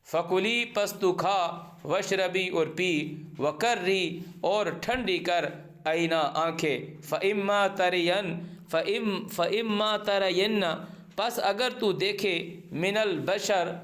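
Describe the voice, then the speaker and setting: A man's voice: sits high, a bit bright. A man teaching a word-by-word Quran translation lesson, reciting each Arabic phrase and then explaining it in Urdu. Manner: questions and comments on printed translations.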